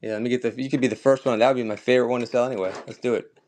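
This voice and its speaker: A man's voice: medium pitch, fairly even intonation, very fast, darkish tone, slight background noise. A man running a live collectibles auction stream, chatting casually and upbeat with viewers as he sells items.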